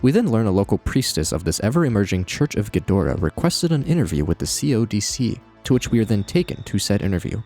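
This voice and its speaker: The host of a video essay narrates in a low voice, fast and with few pauses. His commentary over music is animated and conversational, sprinkled with wry asides.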